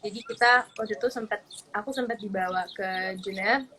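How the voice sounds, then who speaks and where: A woman's voice: medium pitch, normal speed, sharp tone, slight background noise. A woman in her twenties hosting a casual live-stream interview, chatty, eager and upbeat, talking over a video call. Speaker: host.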